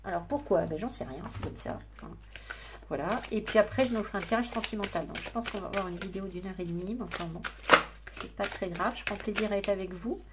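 A woman's voice: mid-range voice, fast, heavy background noise. A woman giving a tarot and oracle card reading, musing aloud in a chatty way with many fillers and restarts. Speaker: tarot reader. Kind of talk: casual spiritual card reading.

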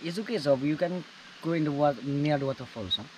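A man's voice: a little high, fairly quick, a little mellow. A man from India with an Indian accent, giving short, polite answers in a casual chat outdoors. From Meghalaya, India. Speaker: local interviewee. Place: outdoors, away from the mic. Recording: distant voice, faint outdoor noise.

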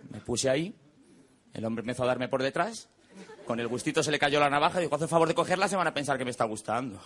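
Stand-up comedian over crowd laughter. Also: male voice. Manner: quick deadpan punchlines, mimics relatives in a higher voice. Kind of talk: stand-up monologue. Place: stage before a live audience. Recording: stage recording with audience laughter and noise.

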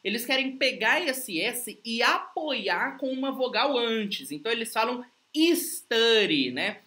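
A bright, energetic woman with a Brazilian Portuguese accent runs a live English lesson. Her voice sits a little high and she coaxes her viewers along, slowing right down to drill each phrase again and again. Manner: upbeat, coaxing, repeats phrases slowly for drills. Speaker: English teacher. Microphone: livestream setup.

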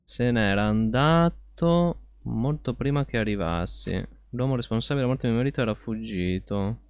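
A man streaming a horror game live, reacting loudly, swearing and reading the game's text aloud. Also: mid-range voice, normal speed, clean tone, dry recording.

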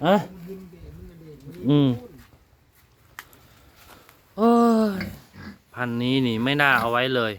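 A man's voice: medium pitch, expressive, extremely slow, pauses often, fairly bright tone. A man talking casually to viewers in a farm vlog. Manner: chatty, addresses viewers often. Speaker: vlogger raising pigs.

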